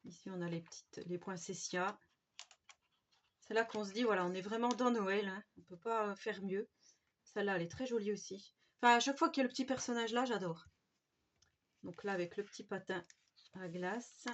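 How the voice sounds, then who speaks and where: A woman's voice: medium pitch, moderate pace, slight background noise. Female craft vlogger, from France, chatty and gushing, slightly dull home recording with faint paper clicks. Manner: chatty and gushing, with many fillers and little exclamations. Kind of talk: casual haul show-and-tell.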